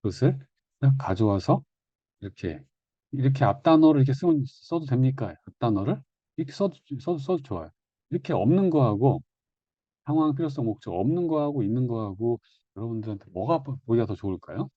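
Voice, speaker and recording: A man's voice: mid-range voice, expressive, a little fast, warm tone, no echo, dull audio. A man giving an online exam-prep lecture in a conversational, repetitive teaching manner, often correcting himself mid-phrase.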